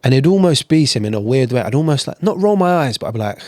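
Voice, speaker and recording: A man's voice: medium pitch, animated, fast talker, darkish tone, dry recording. A man talking candidly as a podcast guest, telling his story in a chatty way with frequent restarts. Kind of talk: casual interview storytelling.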